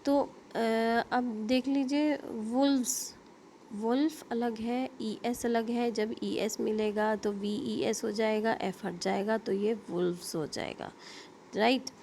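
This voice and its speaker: An Indian woman gives an online linguistics lecture in a slightly high, steady, warm voice at a slow pace. She explains terms with frequent fillers and self-corrections, checking in with "okay?", and there's slight background noise.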